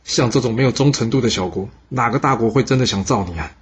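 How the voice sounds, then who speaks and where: Husky-voiced man telling history. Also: mid-range voice, fast, highs cut off. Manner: chatty, asides to the listener. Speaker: podcast storyteller. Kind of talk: casual history storytelling.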